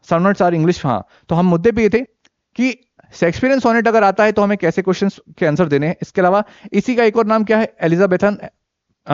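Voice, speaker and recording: A man's voice: high voice, no echo. A young Indian man giving an exam-prep lecture, mixing Hindi and English, repeating key points and quizzing his class. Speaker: teacher. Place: teaching studio. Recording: dry, slightly dull recording.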